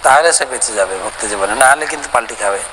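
A man giving a devotional scripture lecture and answering listeners' questions, animated, acting out little dialogues and slowly chanting mantras. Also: medium pitch. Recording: long hall reverb with faint background noise.

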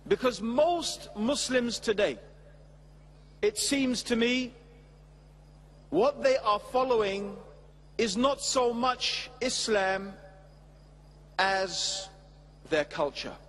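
Slow, high-voiced man preaching on stage. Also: big-room sound, a little hiss or hum. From England. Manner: measured, emphatic, with expressive hand gestures. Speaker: Islamic preacher. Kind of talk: religious lecture. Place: large television studio stage with audience. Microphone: stand mic at a lectern.

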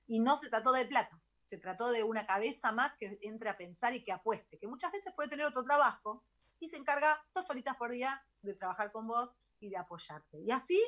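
A middle-aged woman with a Rioplatense Spanish accent, a guest telling her story in a chatty, animated radio interview. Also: a little high. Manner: animated, chatty, laughs easily. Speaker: guest, travel author. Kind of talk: casual interview talk.

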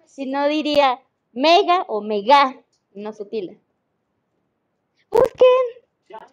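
A woman's voice: high voice, lively intonation, unhurried. A woman teacher with a Mexican Spanish accent, explaining patiently in an online class and checking that students follow. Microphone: video call.

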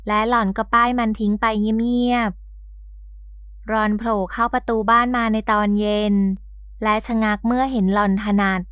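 A woman narrating a romance audio novel in a calm, gentle storytelling manner. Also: on the high side, unhurried, clean tone, dry recording, studio quality. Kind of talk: scripted narration.

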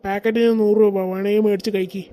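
Someone doing a grumbling cartoon husband, dark voice. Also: male voice, high voice, flat delivery, fast talker, lightly acted. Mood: exasperated. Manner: exasperated, grumbling, sarcastic. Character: exasperated middle-aged husband, Moosakka. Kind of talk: cartoon voice acting.

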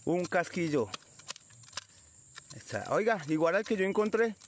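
A man's voice: sits high, very animated, measured pace, a little hiss or hum. A man narrating a casual outdoor metal detecting vlog, chatty and constantly addressing his viewers as friends. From Colombia. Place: outdoors in nature.

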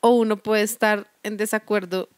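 A woman's voice: medium pitch, little pitch movement, normal speed, no echo, studio quality. A young woman who asks the questions in a casual church-group chat. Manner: asks questions, brief agreeing replies. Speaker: interviewer.

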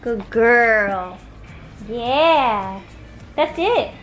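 A woman talking to her dogs in a high, cooing pet voice with slow, exaggerated praise. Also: lively intonation, soft background music. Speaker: dog owner. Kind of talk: high sing-song pet talk.

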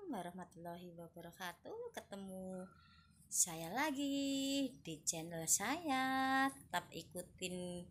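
A woman's voice: fairly low pitch, slight background noise. A woman with a Javanese accent chatting playfully in a casual home vlog, teasing and joking. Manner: playful, teasing, mixes in local words. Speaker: vlogger. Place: at home with a pet cat.

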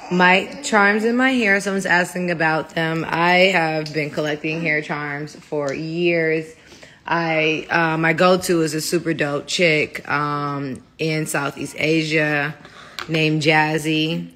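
A woman's voice: low voice, fairly even intonation, slow pace, a bit bright. A woman in her thirties chatting casually on a phone livestream from her home kitchen, rambling and laughing easily. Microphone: phone held close.

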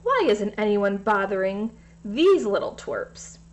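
A woman's voice: mid-range voice, big pitch swings, slow pace. A woman voicing a sneering bully cockroach. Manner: sneering, mocking. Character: grumpy bullying male cockroach.

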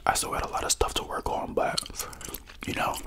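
A young American man giving a casual, slangy, rambling ASMR whisper close to the mic while chewing gum. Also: a little fast. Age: young adult. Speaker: ASMR creator and podcaster. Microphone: close desktop condenser mic with foam cover.

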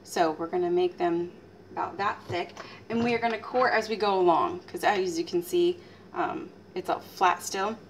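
A woman in her thirties hosts a home cooking channel, casually chatting while demonstrating a recipe in her kitchen. Her voice sits on the low side at a normal speed, and she teases herself and lets out lively exclamations. A fixed camera mic at a distance picks her up along with faint room noise.

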